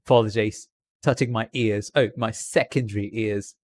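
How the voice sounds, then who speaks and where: A live streamer chats casually with his viewers in a put-on British Received Pronunciation accent, addressing them directly and often repeating himself. His voice is lowish and steady at a moderate pace, with no room sound.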